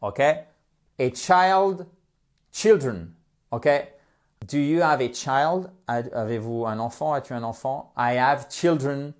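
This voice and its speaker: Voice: mid-range voice, a little slow. An English teacher giving a beginner grammar lesson, repeating example words and stressing pronunciation, checking in with viewers with a frequent "ok?". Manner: addresses viewers directly with frequent "ok?".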